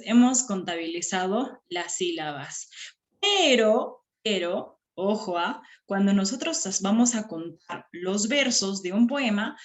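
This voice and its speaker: A woman teacher giving a classroom lesson, patiently counting syllables aloud and checking in with students after each point. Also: medium pitch. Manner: patient, checks understanding with frequent "¿ya?". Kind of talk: classroom lesson on poetry metre.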